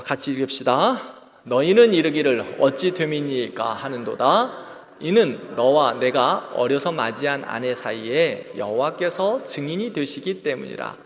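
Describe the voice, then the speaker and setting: A man teaching a church Bible class, leading group readings and acting out quoted retorts. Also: medium pitch. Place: church hall. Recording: long hall reverb.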